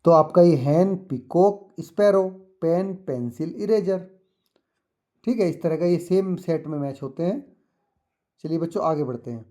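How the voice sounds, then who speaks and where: A man teaching a school English lesson to children, reading the English text slowly and explaining it patiently with many repetitions. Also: a little high, animated, mellow. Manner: mixes English and Hindi, reads English slowly then explains.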